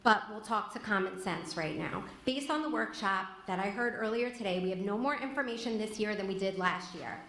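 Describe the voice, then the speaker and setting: A woman's voice: mid-range voice, brisk, hardly any pauses, fairly bright tone. An American woman, a former teacher, giving an indignant, emphatic public comment. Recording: echoey meeting room.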